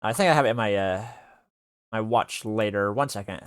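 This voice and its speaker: A male streamer chatting casually on a livestream while working on 3D art, speaking haltingly with many fillers and half-finished sentences. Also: on the low side, smooth, no echo, studio quality.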